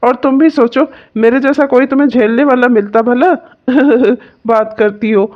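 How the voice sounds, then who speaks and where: A voice actor playing a kind young husband in a cartoon who gently comforts his wife. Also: medium pitch, moderate pace, lo-fi sound, natural voice. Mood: reassuring. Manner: gentle, coaxing, reassuring. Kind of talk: cartoon voice acting.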